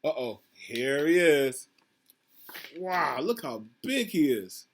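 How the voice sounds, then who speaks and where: A man who is a school principal reads a picture book aloud to children, his high-leaning voice very animated and his pace slow. Slight background noise can be heard. He talks directly to the kids, asks questions, and repeats himself.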